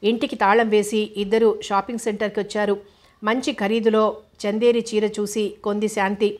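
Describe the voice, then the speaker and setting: A woman narrating an audiobook novel in a steady, unhurried reading. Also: mid-range voice.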